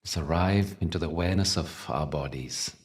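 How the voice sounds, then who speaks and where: A male meditation teacher guides a session, speaking gently in short phrases separated by long pauses, mixing the practice with spiritual talk. His voice is low-pitched and picked up by a distant mic.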